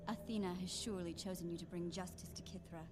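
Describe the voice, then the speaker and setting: An actress playing a devout, troubled daughter in a video game, speaking earnestly and formally. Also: female voice, on the low side, steady tone, quick pace, noisy background, natural voice. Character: devout, troubled daughter questioning her faith and virtue. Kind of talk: video game character acting.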